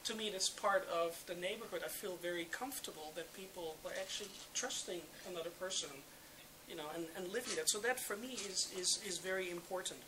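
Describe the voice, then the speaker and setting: A speaker from the Netherlands with a Dutch accent, a native Dutch speaker, giving a relaxed, hesitant panel talk full of ums and uhs. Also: mid-range voice, a little fast. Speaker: urban demographer on a panel. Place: public roundtable event. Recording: noisy event recording.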